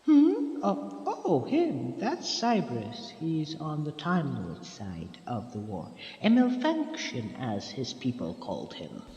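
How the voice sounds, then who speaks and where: A man playing a mad, scheming Time Lord villain in an audio drama, theatrical and teasing with drawn-out phrasing. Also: fairly high pitch, huge pitch swings, darkish tone, heavily acted. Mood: mock-friendly. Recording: echoey room, long reverb, dull lo-fi sound.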